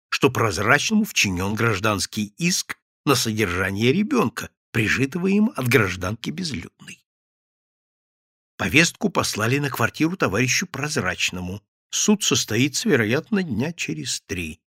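A male audiobook narrator reading classic satire with theatrical, animated delivery. His voice is bright and gravelly, rising and falling a great deal, in a dry, close recording. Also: medium pitch, dry recording.

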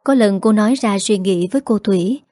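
A woman narrating a story in a steady, earnest storytelling voice. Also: medium pitch, brisk, dry recording.

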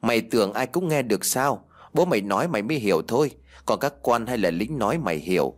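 A man's voice: mid-range voice, lively intonation, fast, natural voice. A man voicing a blunt, scolding old male village shaman in a spoken ghost story. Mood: gruff.

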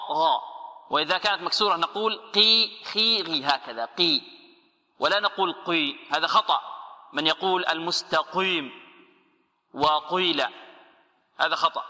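Bright-voiced man teaching Quran recitation. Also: fairly high pitch, long reverb tail. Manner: asks the class questions and answers them himself, models recitation slowly. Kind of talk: radio tajweed lesson.

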